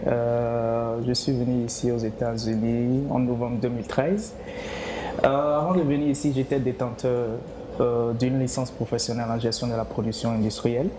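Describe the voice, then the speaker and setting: A man's voice: mid-range voice, flat delivery, moderate pace. A young man from Benin, politely introducing himself as a talk show guest. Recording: echoey room with noise.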